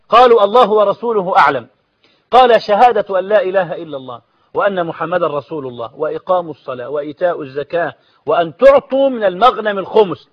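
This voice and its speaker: A man's voice: high-pitched, highs cut off. A man with an Egyptian accent telling a story as a sermon, mixing classical quotes with colloquial asides and rising to emphatic outbursts. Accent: Egyptian Arabic. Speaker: preacher.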